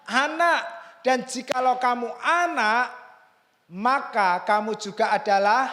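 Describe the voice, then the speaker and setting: A man's voice: high-pitched, a bit bright, in a large hall. A male pastor preaching a sermon in a church, dramatic and full of call-and-response. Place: church hall.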